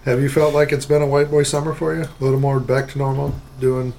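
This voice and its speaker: A man's voice: mid-range voice, monotone, fast talker, vocal fry, darkish tone, slight background noise. A man hosting a podcast in casual chat, asking probing follow-up questions. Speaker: podcast host.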